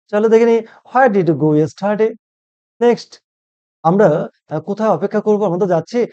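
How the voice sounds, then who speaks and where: A man teaching a spoken English lesson, who asks each question and then says it slowly in English, and keeps calling it easy. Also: high voice, mellow, clean tone, highs cut off.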